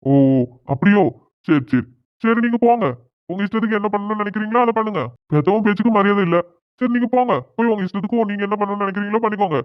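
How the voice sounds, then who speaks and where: A man's voice: sits high, quick pace, smooth, no room sound, lightly acted. A man voicing a stern village father in a cartoon drama, reproaching his son sarcastically. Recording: tinny phone-like sound.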